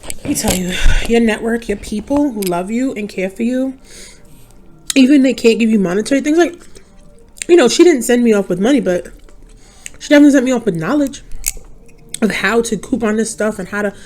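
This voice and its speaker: A woman's voice: on the high side, expressive, a little fast, pauses often, darkish tone. A young woman chatting casually to her viewers while she eats, rambling from one thought to the next and calling them y'all. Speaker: mukbang vlogger. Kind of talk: casual chat while eating.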